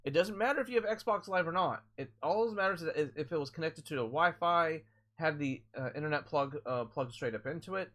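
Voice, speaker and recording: While streaming a game, a man with a voice a little higher than most men's answers viewers' tech questions in casual live chat. He is laid-back and chatty, fairly quick and fairly bright, rambling loosely, often restarting mid-sentence and piling up fillers.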